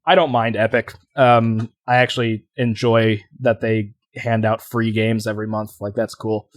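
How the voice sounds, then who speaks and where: A male podcast co-host talks casually in a fairly low, level voice at a normal pace, rambling with plenty of fillers and restarts. The studio sound is clean, with no echo.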